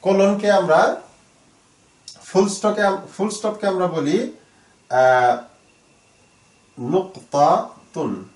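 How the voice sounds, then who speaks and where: A man teaching Arabic grammar in Bengali, explaining slowly with many fillers and repeated words. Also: sits high, a little mellow, echoey room.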